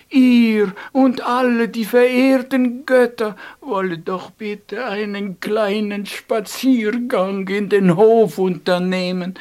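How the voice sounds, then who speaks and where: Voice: medium pitch, darkish tone, pitched above the performer's own voice. The storyteller voicing a humble young male temple sweeper who begs overly politely. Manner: pleading, breathless, overly polite.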